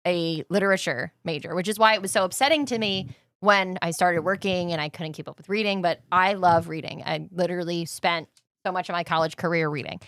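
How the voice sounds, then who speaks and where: A woman's voice: fairly low pitch, fairly quick, no room sound, studio quality. Woman telling a story with laughs. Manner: animated storyteller, laughs often. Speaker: podcast co-host. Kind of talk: casual chat.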